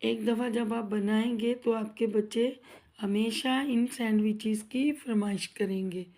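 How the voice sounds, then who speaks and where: This cooking channel host has a sore throat, and her fairly high voice comes out slow and flat. She narrates a casual cooking vlog from her home kitchen, chatting away, calling viewers "guys" and asking them to subscribe.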